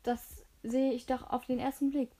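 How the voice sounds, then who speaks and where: A woman's voice: sits high, normal speed. Woman reading a charming, teasing young man. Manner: flattering, playful.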